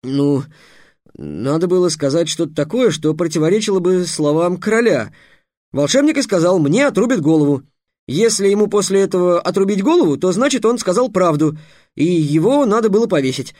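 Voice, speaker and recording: An excitable clever boy, voice pushed high and eager, as a male reader puts him on. The pitch swings widely, and the sound is dry and close. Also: a little fast, no echo. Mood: excited. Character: excitable clever young boy wizard apprentice.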